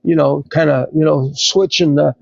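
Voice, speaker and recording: Gravelly man, fairly high voice, halting storyteller, dull dry lo-fi sound. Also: fairly even intonation, a little mellow, dry recording. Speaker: podcast co-host. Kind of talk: casual storytelling.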